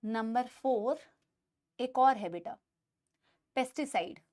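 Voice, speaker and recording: A woman's voice: on the high side, takes it slowly. A woman with an Indian accent teaching a biology class, mixing Hindi and English and coaxing her students as beta. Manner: says she usually shouts in class. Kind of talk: online class lecture.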